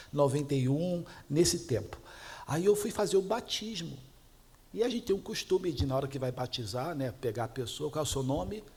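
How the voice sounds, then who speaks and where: A man's voice: mid-range voice, a little mellow. A middle-aged man with a Brazilian Portuguese accent, a pastor preaching a sermon, chatty and laughing at his own stories. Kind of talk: sermon with storytelling.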